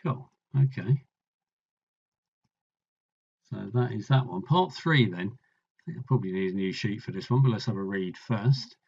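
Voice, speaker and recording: A man with a lowish voice talks himself slowly through a maths problem, musing, pausing and trailing off as he thinks. The sound is dull and lo-fi. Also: lively intonation, darkish tone, breathy edge. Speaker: maths tutor working through an exam problem. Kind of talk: thinking aloud while solving a maths problem.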